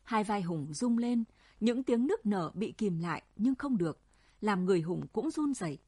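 Husky woman reading a story. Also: mid-range voice, normal speed, no room sound, clean studio sound. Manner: even storytelling. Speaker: narrator.

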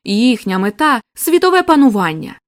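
A woman's voice: on the high side, very animated, moderate pace. A woman reading the lines of a precise, grave male foreign detective in an audiobook, in a formal, lecturing way.

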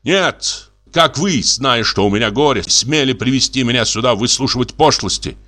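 A man's voice: on the low side, lively intonation, moderate pace, sharp tone. A man reading the part of a bitter, furious middle-aged country doctor, harsh and biting, clipping every word.

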